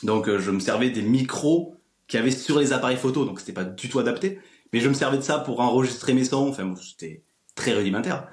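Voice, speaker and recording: A young man in his twenties, guest on a podcast, talks loosely about things as an ASMR video creator raised in a small village in France. His voice is mid-range, fast and a little mellow, heard in an echoey, roomy space.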